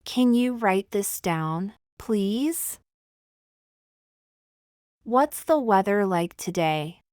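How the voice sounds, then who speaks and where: A woman reads practice phrases for learners, one at a time. She speaks very slowly and deliberately in a smooth, clear voice at a middle pitch. The sound is dry and close. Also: animated, darkish tone, no echo. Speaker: language teacher. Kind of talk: reading example phrases for learners.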